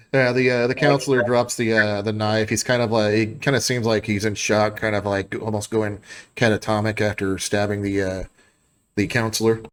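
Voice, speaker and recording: A man's voice: fairly low pitch, little pitch movement, normal speed, clean tone. A man acting as game master, describing scenes and explaining rulings in a loose, conversational way. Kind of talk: narrating a tabletop game.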